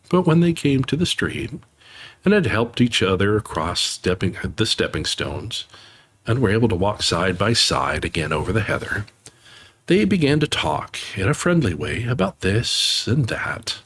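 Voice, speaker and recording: A man hosting a livestream, reading a children's storybook aloud in a gentle, softly spoken voice with chatty asides, on a close microphone. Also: fairly low pitch, big pitch swings, normal speed, husky. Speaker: livestream host.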